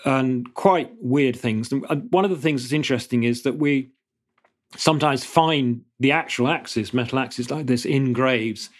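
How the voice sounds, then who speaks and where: A middle-aged man speaks as an archaeologist guest, answering questions in an explanatory way. He pauses and restarts, then settles into fluent, careful explanation. His voice sits at an ordinary male pitch.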